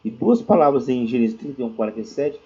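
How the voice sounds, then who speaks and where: A man's voice: medium pitch, animated, fast, mellow, breathy edge. A man teaching a lecture class, explaining step by step with frequent restarts and checking questions. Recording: dull lo-fi recording.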